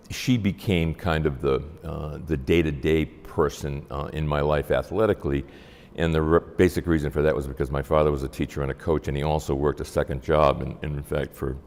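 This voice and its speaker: An older man, reminiscing in a halting, measured way with frequent pauses. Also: extremely low pitch. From Massachusetts, United States. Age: 70s or older. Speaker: interviewee. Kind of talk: oral history reminiscence. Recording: long hall-like reverb.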